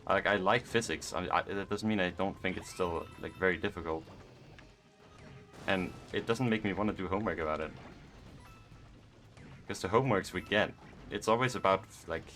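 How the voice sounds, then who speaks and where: A young man thinks out loud while he plays a game, speaking in a flat, low monotone. His voice sits very deep, and faint music runs underneath. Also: moderate pace, pauses often. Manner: monotone, rambling, musing aloud. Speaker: gaming vlogger. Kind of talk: casual gameplay commentary.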